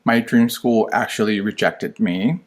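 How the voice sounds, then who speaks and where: A man's voice: on the low side, fairly even intonation, unhurried. A man in his thirties from China, a designer guest chatting in a sassy, flamboyant way in his living room. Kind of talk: casual interview chat. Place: colorful living room at home.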